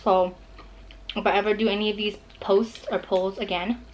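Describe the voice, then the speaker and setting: A woman's voice: medium pitch, little pitch movement, moderate pace, a little hiss or hum. A woman hosting a casual mukbang vlog, chatting upbeat and playful with a child beside her. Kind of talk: casual chat to camera.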